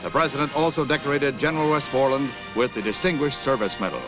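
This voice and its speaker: A mid-range male voice narrates a 1960s newsreel fast, in a formal, declamatory announcer style with music behind him. The rough recording has an old newsreel soundtrack quality.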